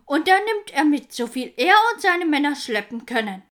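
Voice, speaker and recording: Old Viking sailor, as a woman puts him on, hushed. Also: sing-song. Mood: ominous. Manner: hushed, low and slow. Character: old male Viking sailor, calm storyteller.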